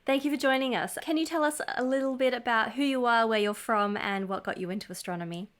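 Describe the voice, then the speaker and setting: A woman's voice: on the high side, quick pace, no room sound. A woman co-hosting a science podcast, steering the talk in a friendly casual way and introducing her guest. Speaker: podcast co-host.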